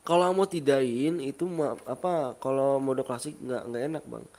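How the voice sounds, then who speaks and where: Game streamer, male, Betawi Jakarta accent, stuffy with a cold, reads chat aloud and counts down fast. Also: mid-range voice, mellow. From Indonesia. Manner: reads viewer comments aloud, counts down quickly. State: sick with a cold. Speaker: game livestreamer. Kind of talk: casual livestream chat.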